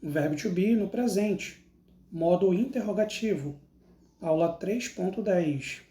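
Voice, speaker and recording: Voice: mid-range voice, takes it slowly, mellow. An English teacher with a Brazilian Portuguese accent, giving a recorded lesson that reads out each example and then its translation. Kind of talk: slow recorded language lesson. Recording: roomy, echoey recording.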